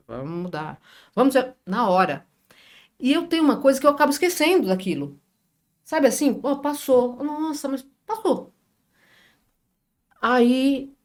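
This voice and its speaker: A middle-aged woman from the São Paulo area speaks with a Brazilian accent as a podcast guest. She tells her story with feeling, voicing the people she quotes and slipping in jokes, her pitch swinging up and down. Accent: Brazilian Portuguese, São Paulo area. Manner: animated, jokes and acts out quoted dialogue. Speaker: real estate business owner, podcast guest. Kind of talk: emotional storytelling in a podcast interview.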